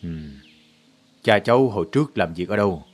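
A man playing a wealthy older landowner who asks questions in a measured, fatherly way. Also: on the low side, lively intonation, faint music behind. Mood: gentle.

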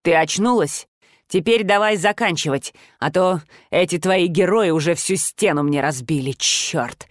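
A woman voicing a soft-spoken, menacing male master who can change his shape, in a storybook reading. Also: fairly low pitch, dry recording, studio quality, lightly acted. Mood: cold. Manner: quiet, insinuating, slow.

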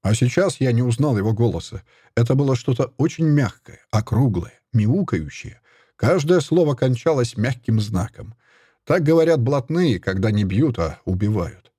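A man narrating a first-person literary story in a measured, expressive way. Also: medium pitch, slightly rough, no room sound, studio quality. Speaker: audiobook narrator.

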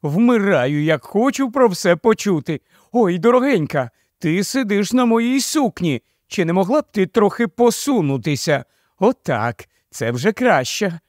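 A man voicing a chatty, vain young noblewoman who gushes loudly and giggles easily. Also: high-pitched, very animated, measured pace, dry recording, clean studio sound, voice pushed up. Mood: gushing. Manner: gushing, loud, fussy.

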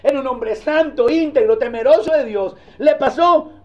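A male pastor with a high voice preaches a sermon at a moderate pace, telling the story in a lively, animated way. He often stops to ask the congregation questions. The recording is dull and lo-fi.

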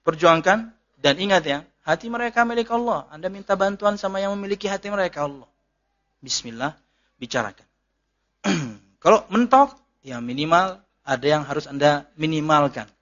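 An ustadz, an Islamic preacher, gives a chatty religious lecture full of jokes, laughing at his own humor while answering questions. His voice is on the high side, a bit bright and animated, at a moderate pace with frequent pauses, and the recording is a dull lo-fi capture of the lecture.

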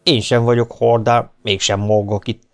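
Egy férfi által hangolt udvarias, elszánt márki-légionárius. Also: male voice, mid-range voice, level tone, smooth, close to an everyday voice. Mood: dry. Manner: polite, earnest, eager. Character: determined young aristocratic male legionnaire. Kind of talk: audiobook character voice.

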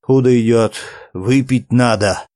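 A man's voice: medium pitch, a little slow, mellow, no echo, studio quality, lightly acted. A man voicing a skinny, drunken male monk with a nasal voice. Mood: tipsy.

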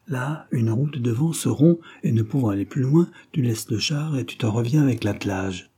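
A man voicing a stubborn old male rebel farmer in a storybook reading, gruff and urgent. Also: medium pitch, lively intonation, moderate pace, warm tone, voice pushed up.

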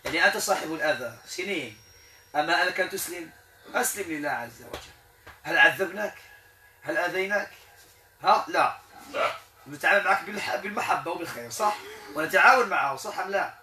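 A man's voice: fairly high pitch, expressive, fast, long pauses, sharp tone, roomy sound, far from the mic, a little hiss or hum. A man with a Moroccan Arabic accent leading a Quran healing session. He coaxes and questions, repeating short questions and prayers. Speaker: Quran healer.

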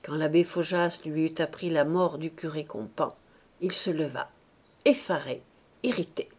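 A woman reading a classic novel aloud as narrator, in a measured, clear manner. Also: low voice, fairly even intonation, a little mellow. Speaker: audiobook reader.

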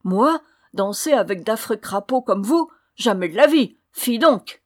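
A woman's voice: fairly high pitch, fast, darkish tone, close to an everyday voice. A woman doing a spoiled, scornful girl. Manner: sulky and scornful. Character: spoiled, bad-tempered ugly young girl.

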